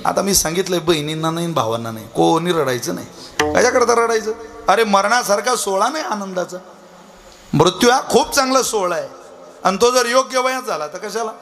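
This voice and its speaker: A man preaching a kirtan sermon, telling humorous stories between preachy asides and slowly chanted verse. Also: sits high, fairly bright tone. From Vidarbha, Maharashtra.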